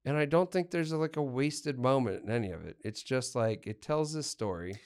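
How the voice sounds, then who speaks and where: Brief: male podcast co-host, smooth resonant voice, eager and stumbling. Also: mid-range voice, brisk. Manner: excitable, stumbling restarts. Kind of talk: casual movie chat.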